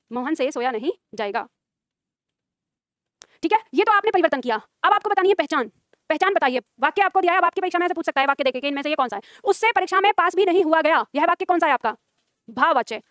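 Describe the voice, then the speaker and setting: A woman teaching a grammar class online, brisk and coaxing, quizzing her students and checking that they follow. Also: very high-pitched, fairly bright tone, dry recording, clean studio sound.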